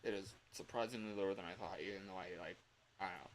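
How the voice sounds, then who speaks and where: A man with a low, worn, strained voice talks fast and steadily as he livestreams a game, giving casual, rambling commentary and getting easily sidetracked. Loud game music plays behind him, with slight background noise and low recording quality.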